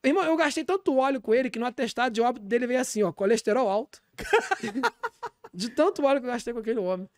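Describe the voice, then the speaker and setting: A man doing a brash, fast-talking Brazilian apostle. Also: extremely high pitch, no echo. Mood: deadpan. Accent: Brazilian Portuguese. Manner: deadpan, rambling, fast, with preachy asides. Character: brash, shameless male pastor calling himself apostle. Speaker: comedian in character as a self-styled apostle. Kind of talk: deadpan comic character monologue on a podcast.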